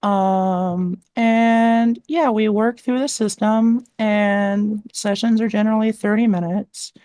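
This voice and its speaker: A woman's voice: mid-range voice, fairly even intonation, slow pace, mellow, dry recording, clean studio sound. A woman voice coach explaining exercises patiently and step by step in a live-stream conversation, often filling with "like" and "um", on a desk microphone. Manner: patient, step-by-step, with frequent "like" and "um" fillers. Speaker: voice coach guest. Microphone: desktop mic with adjustable gain.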